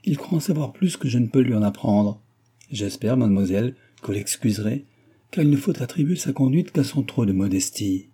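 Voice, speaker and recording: A man's voice: mid-range voice, expressive, a little fast, mellow, breathy edge. A man voicing a chattering, pushy middle-aged mother in an audiobook, talking in a gushing, overfamiliar, insistent way.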